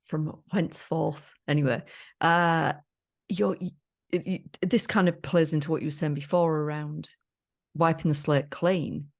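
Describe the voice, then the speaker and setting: Deep-voiced, gravelly woman co-host. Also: fairly even intonation, moderate pace. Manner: jokey, enthusiastic. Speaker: podcast co-host. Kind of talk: casual chat.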